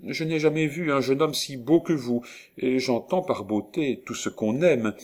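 A man's voice: mid-range voice, measured pace, darkish tone, pitched above the performer's own voice, lightly acted. A man voicing a proud, defiant young noblewoman, speaking in a haughty, impassioned way in a storybook reading.

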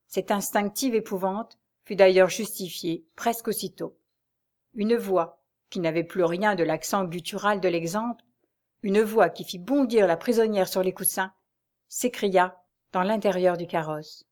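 Une femme qui lit à voix posée un roman-feuilleton en livre audio. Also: female voice, mid-range voice, darkish tone. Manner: measured, literary storytelling. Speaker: narrator. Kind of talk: audiobook reading of a serial novel.

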